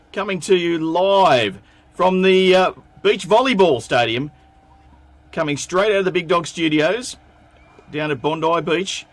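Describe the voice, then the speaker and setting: An Australian man hosting a live sports talk show, joking and rambling with fillers. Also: fairly high pitch. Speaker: host. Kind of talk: casual live show banter.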